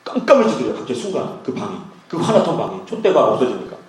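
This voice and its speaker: A man's voice: mid-range voice, big pitch swings, fast talker, background noise. A man preaching a sermon and telling a personal testimony, acting out the prayers and voices in his story. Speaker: pastor. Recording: echoey hall from far off.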